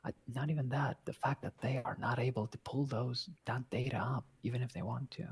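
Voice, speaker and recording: A man with a raspy voice talking calmly and reassuringly in a roleplay. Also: medium pitch, a little fast. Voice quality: raspy, gravelly. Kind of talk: in-character roleplay chat.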